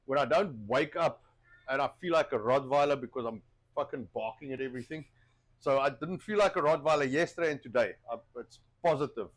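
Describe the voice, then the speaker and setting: A man with a medium-pitched, brisk voice hosts a casual cooking livestream, rambling and repeating himself. He's still getting over a cough, and his chest sounds wheezy.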